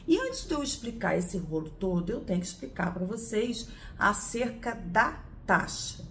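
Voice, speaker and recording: A woman's voice: mid-range voice, creaky, slight background noise. A woman from Brazil teaching a lesson, explaining step by step and answering her own questions. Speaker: law teacher.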